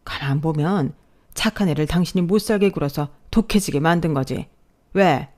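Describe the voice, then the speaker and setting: A woman voicing a blunt older father-in-law who scolds loudly in a radio drama. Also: low voice, steady tone, a little fast, lightly acted. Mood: scolding.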